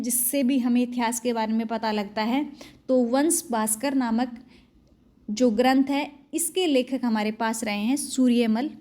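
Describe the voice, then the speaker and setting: A young woman teacher working quickly through exam questions, asking each question and then giving the answer. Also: fairly high pitch, darkish tone. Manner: fast, brisk question-and-answer delivery. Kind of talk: exam-prep quiz lesson.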